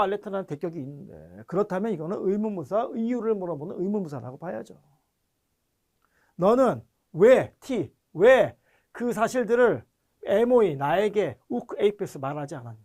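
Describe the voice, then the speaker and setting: Male teacher with a high voice; patient, explanatory online lecture. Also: a little mellow. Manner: explanatory, often checks understanding with questions; reads foreign words slowly and deliberately. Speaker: language teacher.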